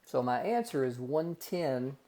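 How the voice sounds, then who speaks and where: Animated yet unhurried, a man with a mellow, medium-pitched voice walks through math calculations one step at a time in a recorded lesson. His style is folksy, and he addresses his students as "guys" and "gang."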